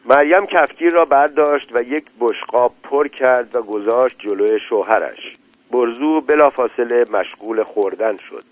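A man calmly reading a short story aloud as narrator, in a measured way. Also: medium pitch, no room sound. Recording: tinny dry lo-fi radio recording.

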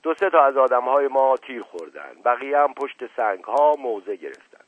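Casting: male reader doing a loud, boastful old uncle with a quick temper, over a dry, phone-thin line. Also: mid-range voice, very animated, breathy edge, dry recording, pitched above the performer's own voice. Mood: storytelling. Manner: boastful, shouting down interruptions. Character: pompous hot-tempered older man, a boastful uncle. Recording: dry, narrow phone-like sound.

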